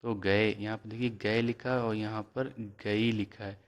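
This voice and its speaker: A man teaching a reading lesson, spelling out letters and vowel marks slowly and then blending them into words. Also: fairly low pitch, little pitch movement, clean tone.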